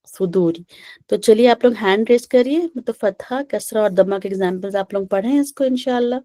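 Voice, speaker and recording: A woman's voice: mid-range voice, dark tone, no room sound, clean studio sound. A woman teaching recitation in an online class, patiently drilling short vowel sounds and checking with students. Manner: patient, repeats "theek hai" often, drills sounds slowly. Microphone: video call.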